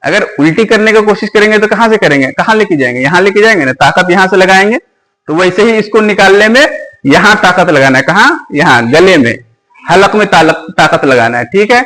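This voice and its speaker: A man teaching Quran letters, asking questions and repeating each letter slowly and patiently. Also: sits high, lively intonation, pushed and bright, poor audio.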